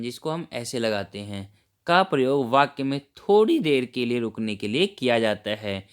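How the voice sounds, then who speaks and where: Man, teacher, worksheet lesson for kids, smooth clear voice, medium pitch, patient step-by-step explaining. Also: fairly bright tone.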